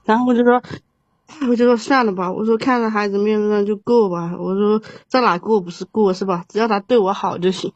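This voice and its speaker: A woman in her thirties tells a long, painful personal story on an advice call, rambling and halting with many restarts. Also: medium pitch, steady tone, dry recording. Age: 30s. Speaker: caller. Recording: dull lo-fi sound, dry.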